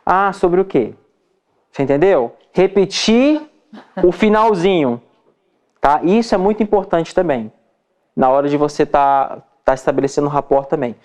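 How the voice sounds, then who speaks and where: A man's voice: fairly high pitch, lively intonation, normal speed, a little mellow. A man with a Brazilian Portuguese accent, a dermatologist teaching other doctors in an informal lecture, chatty and checking in with his listeners often. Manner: chatty, checks in with frequent "tá?" and "entendeu?"; acts out examples with shifting voice.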